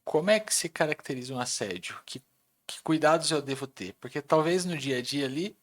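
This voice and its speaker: A man hosting a podcast, calmly asking his guests questions. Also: fairly high pitch, brisk. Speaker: podcast host. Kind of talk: interview questions.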